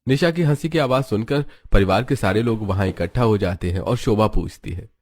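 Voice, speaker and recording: A man giving scripted narration for an animated story in a steady manner. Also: on the low side, a little fast, no echo.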